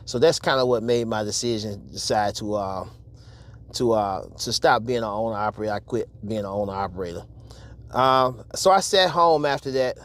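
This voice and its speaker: A man in his fifties, a truck driver and channel host, talking candidly to viewers in a casual advice vlog, repeating himself for emphasis with many pauses and fillers. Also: fairly low pitch, a bit bright. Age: 50s.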